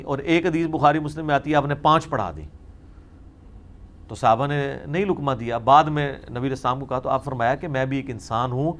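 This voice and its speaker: Speaking at a medium pitch, a Pakistani Urdu-accented scholar responds to questions in a studio recording of a religious lecture. He explains things forcefully, tosses in wry remarks, and blends English vocabulary into his speech.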